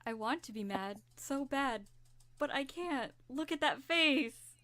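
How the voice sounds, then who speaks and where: A woman reading the part of a brash, dramatic young man in an amateur fan fiction reading, with loud theatrical outbursts. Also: high voice, animated, takes it slowly, full character voice.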